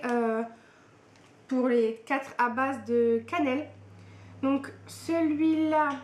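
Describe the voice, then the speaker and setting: A young woman chatting casually through an unboxing, hesitant and full of fillers. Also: high voice. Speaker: book and tea vlogger. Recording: echoey room with faint hiss.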